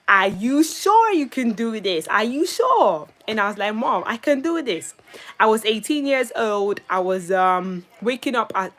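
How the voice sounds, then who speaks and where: A young woman from Italy hosting a casual livestream, chatting with viewers and telling a story about her first job. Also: mid-range voice. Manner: chatty, greets viewers by name between story bits. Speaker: livestream host.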